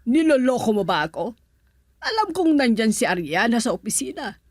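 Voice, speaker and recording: An actress playing a proud, defiant wife in a radio drama, talking coldly. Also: female voice, medium pitch, animated, a little slow, dry recording, clean studio sound, lightly acted. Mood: accusing. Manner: cold, defiant. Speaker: voice actor.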